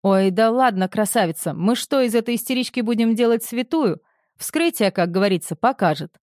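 A woman's voice: on the high side, expressive, a little fast, a little mellow, no room sound, studio quality, voice pushed up, natural voice. A woman reading the part of a crude, dismissive man who talks in blunt slang in an audiobook. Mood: mocking.

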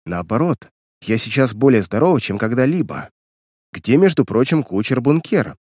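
A man's voice: medium pitch, sing-song, normal speed, darkish tone, husky, no room sound, clean studio sound. A man reading a cool, steely young woman. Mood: stern. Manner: cold and composed. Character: calm, resolute young woman.

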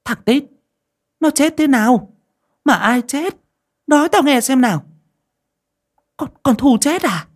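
A man voicing a bossy elderly mistress of a household, firing off shrill, demanding questions. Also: animated, measured pace, pauses often, heavily acted. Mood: frantic.

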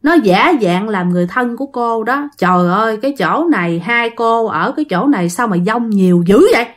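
A woman's voice: fairly high pitch, animated, fairly quick, lightly acted. A woman voicing a confident older male fortune-teller who lectures knowingly. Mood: lecturing.

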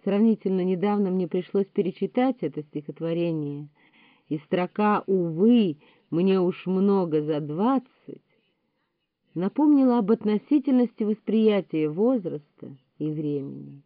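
A woman giving a measured, deliberate audiobook narration of a memoir. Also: on the low side, lively intonation, no room sound. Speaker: audiobook reader. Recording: tinny phone-like, dry sound.

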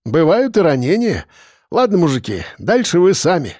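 A man voicing a gruff, stern village police officer who barks exasperated orders. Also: a little high, big pitch swings, normal speed, darkish tone, no echo, clean studio sound. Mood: plain.

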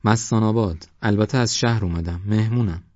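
A man's voice: on the low side, a little mellow, no room sound, voice pushed up, close to an everyday voice. Polite young villager, voiced by a man, earnest, dull audiobook sound.

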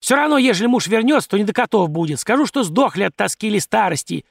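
A man voicing a loud, coarse, domineering peasant wife who scolds and bosses everyone. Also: expressive, fast talker, vocal fry, no echo, clean studio sound, full character voice. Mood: scolding. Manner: shrill, scolding, bossy.

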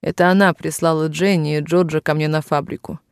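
A man reading the lines of a grieving elderly factory worker, in halting, tearful speech, in a dry room. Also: fairly high pitch, fairly even intonation, vocal fry, clean tone, dry recording. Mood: anguished.

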